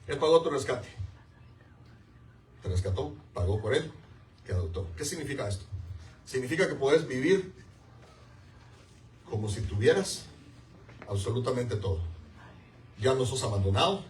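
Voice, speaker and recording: A man's voice: mid-range voice, sing-song, moderate pace, pauses often. A man preaching a sermon as pastor, emphatic and repeating key words while calling on the congregation to answer. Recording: echoey room, mic far off.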